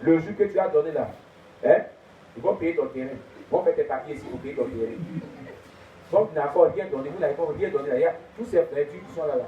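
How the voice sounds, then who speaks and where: A man preaching a sermon, telling a story in an animated way and swinging between loud and hushed. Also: fairly high pitch, quick pace. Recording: tinny, echoey, distant, faint noise.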